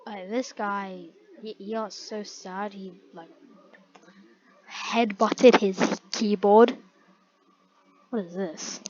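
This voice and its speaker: A woman's voice: mid-range voice, steady tone, slow, pauses often, a little mellow. A woman casually reading comments aloud and reacting with laughter and disbelieving questions. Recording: dull lo-fi mic, faint background hiss.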